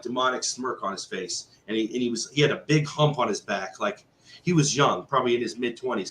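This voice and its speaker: A man telling a story in a casual, lively way, with many fillers and acted-out quotes. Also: mid-range voice. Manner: animated, conversational, full of fillers and quoted speech. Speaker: guest telling a testimony. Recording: roomy echo with faint background noise.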